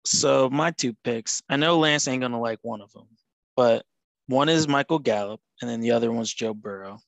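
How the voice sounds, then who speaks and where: A man's voice: mid-range voice, moderate pace, vocal fry, no room sound, poor audio. A man co-hosting a casual sports podcast, talking in long rambling stretches full of "you know" fillers. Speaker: podcast co-host. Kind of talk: casual fantasy football chat.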